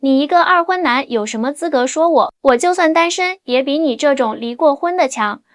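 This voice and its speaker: A woman voicing a haughty picky woman, sharp-tongued, high-pitched, dry sound. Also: animated, a little fast, no room sound. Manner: haughty, indignant.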